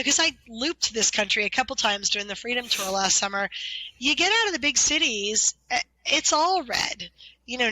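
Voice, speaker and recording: A woman's voice: fairly high pitch, bright, forceful tone, dry recording, poor audio. A woman in her fifties from California, talking politics in a casual, emphatic, indignant way as a guest. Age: 50s. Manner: emphatic, indignant, repeats words.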